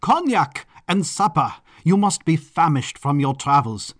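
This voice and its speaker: A man's voice: fairly high pitch, big pitch swings, unhurried, a bit bright, voice pushed up, exaggerated voice. A man voicing a flamboyant, eccentric male baron who talks in an effusive, squealing, theatrical way in a storybook reading. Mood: gushing.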